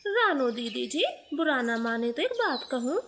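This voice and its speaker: A woman's voice: sits high, very animated, a little slow, fairly bright tone, slight background noise, full character voice. Woman doing a humble poor crow maid. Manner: humble, deferential.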